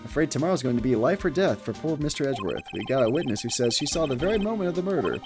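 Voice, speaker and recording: Brief: gruff, earnest male detective, read by a male streamer, folksy, animated delivery. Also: mid-range voice, racing. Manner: folksy, calls everyone pal. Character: loyal gruff male police detective, eager. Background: game music.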